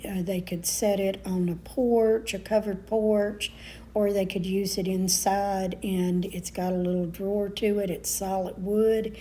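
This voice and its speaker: A woman's voice: medium pitch, mellow, low-quality recording. A middle-aged woman chatting casually in a home vlog, homey and full of little fillers. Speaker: vlogger and booth reseller.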